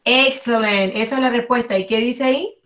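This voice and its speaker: Over a video call, a woman teaches an online class and praises her students frequently. She stretches English words out slowly, exaggerating every sound so the class can imitate them, in a fairly high, fairly bright voice.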